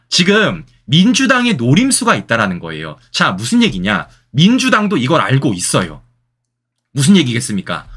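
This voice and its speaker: Man, political commentary host, emphatic, rhetorical questions, repeats key phrases, somewhat high voice. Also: bright, forceful tone, slightly rough. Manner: addresses viewers directly.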